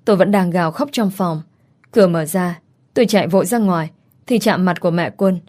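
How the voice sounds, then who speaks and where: A woman reading a first-person story in steady, unhurried narration. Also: on the low side.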